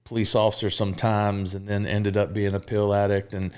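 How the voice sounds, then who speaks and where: A man's voice: fairly low pitch, little pitch movement, a little fast, a little mellow, clean tone. A man in his thirties from Mississippi, a podcast guest telling his life story frankly and openly, with fillers and the odd curse. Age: 30s. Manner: frank and open, peppered with fillers and profanity. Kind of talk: candid conversational storytelling.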